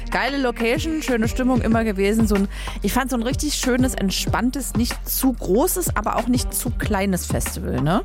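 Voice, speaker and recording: A young woman from Leipzig, Germany hosts a radio music show, chatting informally with frequent fillers and self-corrections. Her animated voice is on the high side at a moderate pace, recorded on a studio microphone.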